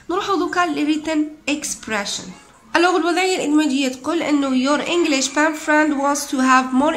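A woman's voice: high voice, a bit bright, slight background noise. A woman with an Algerian Arabic accent, an English teacher explaining an exam step by step and switching between dialect and English. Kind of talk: exam walkthrough lesson.

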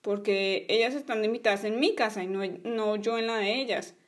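A woman's voice: medium pitch, a little fast, natural voice. A woman voicing a bossy, stubborn young boy in a toy play story, whiny in manner.

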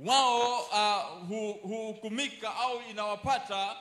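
A man's voice: high voice, a little slow, fairly bright tone, reverberant. A man interpreting a church sermon, repeating each of the preacher's phrases right after him.

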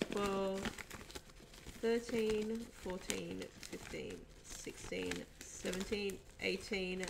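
Woman host pulling winners out of a box, slow easy talking, lots of rustling paper noise. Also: medium pitch, creaky. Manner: chatty, laughs often, reads names aloud slowly. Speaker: host drawing giveaway winners. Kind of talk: casual chat.

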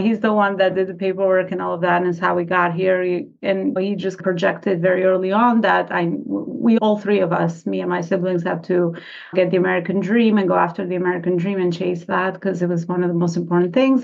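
A woman's voice: fairly low pitch, vocal fry, highs cut off. A middle-aged woman from Albania, a business coach, telling her story as a podcast guest in a reflective, rambling way. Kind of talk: podcast interview.

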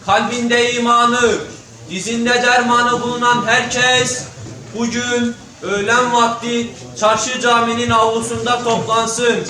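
Distant noisy recording, town crier acted by a man, stage play, very high voice, slow drawn-out war proclamation. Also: level tone. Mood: solemn proclaiming. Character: village town crier summoning men to war. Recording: echoey noisy hall from far off.

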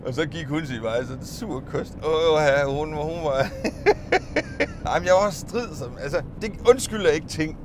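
A man's voice: a little high, lively intonation, background noise. A man vlogging, casually telling childhood stories, rambling with restarts, swearing and laughing often. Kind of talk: casual storytelling of childhood memories.

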